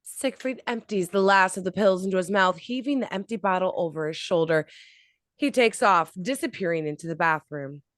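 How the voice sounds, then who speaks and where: A woman's voice: lowish voice, moderate pace, no room sound. A woman giving scripted narration, reading out stage directions at a table read.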